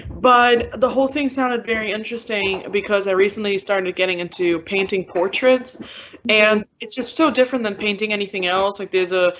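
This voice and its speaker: A woman's voice: mid-range voice, steady tone, fairly bright tone, highs cut off, a little hiss or hum. A young woman in her twenties from Brazil, a college student talking candidly and bluntly in a casual film discussion. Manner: candid, blunt, quick to laugh at herself.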